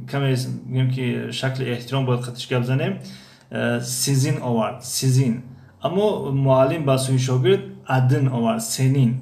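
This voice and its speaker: A man teaching a language lesson from a textbook, explaining phrases with many hesitations and slow repetitions. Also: medium pitch, darkish tone. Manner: hesitant, many pauses and fillers, repeats phrases slowly. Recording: echoey room.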